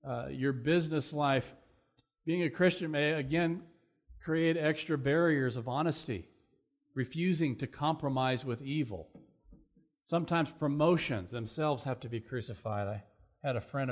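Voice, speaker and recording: Earnest preacher man, rising to emphasis. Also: medium pitch. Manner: earnest, loud rising emphasis with many fillers. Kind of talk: sermon.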